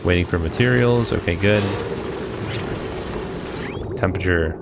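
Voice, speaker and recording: A man giving casual commentary while he plays a video game, thinking out loud and talking to himself as he plays. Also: low-pitched, measured pace, gravelly, heavy background noise. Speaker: gameplay video host.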